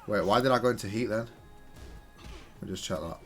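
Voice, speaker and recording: Soft music plays behind a man with a fairly low, slightly bright voice who speaks a little fast. A video game player and creator, he casually reviews his gameplay, reasoning aloud analytically and correcting himself.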